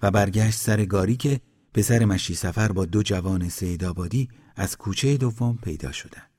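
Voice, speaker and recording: Calm low-voiced man reading a story. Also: husky. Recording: long hall reverb.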